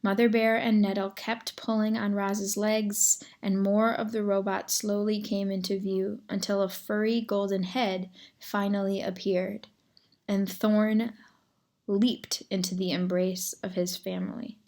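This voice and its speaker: Slow, measured woman reading a storybook. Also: medium pitch. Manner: measured, expressive storytelling, addresses the reader. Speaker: narrator. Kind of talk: reading a children's novel aloud.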